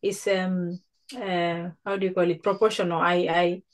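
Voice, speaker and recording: A woman's voice: on the low side, flat delivery, moderate pace. A middle-aged woman from Tanzania teaching Swahili one-on-one, patient and coaxing, affirming her student with frequent murmurs. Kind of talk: one-on-one language lesson.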